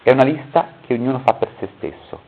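A man's voice: mid-range voice, fast talker, creaky. A man reading a story aloud at a public talk, stopping now and then to correct his own misreadings. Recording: tinny phone-like recording.

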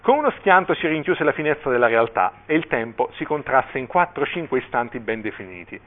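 Un uomo che legge ad alta voce un brano di romanzo con espressività, con qualche breve commento. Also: male voice, medium pitch, fairly quick. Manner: expressive reading with brief asides. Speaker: reader at a cultural event. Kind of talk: reading a novel excerpt aloud. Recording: tinny phone-like line.

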